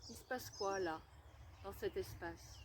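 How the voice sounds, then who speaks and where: A woman leading a guided listening meditation outdoors, giving gentle, unhurried instructions with pauses. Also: mid-range voice. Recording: outdoor recording with clear birdsong noise. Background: birdsong, chirping, environmental noise.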